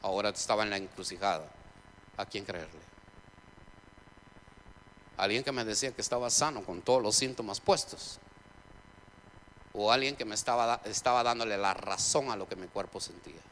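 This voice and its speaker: A man preaching a sermon testimony in a church, telling his story dramatically, swinging between loud preaching and quiet narration. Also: lowish voice, normal speed, long pauses. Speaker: pastor. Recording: church hall reverb, faint noise.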